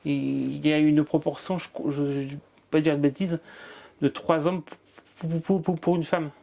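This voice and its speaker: A man's voice: a little high, level tone, normal speed, creaky, dark tone. A man from Marseille who is a comedian, talking in an interview with a strong stutter and many repeated sounds. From Marseille, France. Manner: strong stutter with frequent repetitions. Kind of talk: interview conversation.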